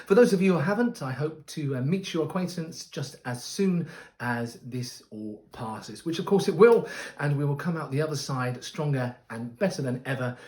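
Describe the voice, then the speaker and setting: A man's voice: fairly high pitch, lively intonation, normal speed, darkish tone, slightly rough, no echo. British male cruise director, theatrical and courteous. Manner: theatrical, courteous showman delivery. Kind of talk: presenting and telling anecdotes to an audience.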